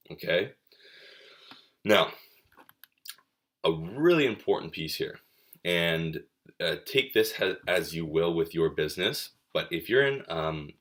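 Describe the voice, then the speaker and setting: A man's voice: low voice, a bit bright. A young man coaching on sales straight to camera in a fired-up, blunt way, cursing and repeating himself as he pushes his point. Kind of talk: direct-to-camera sales advice.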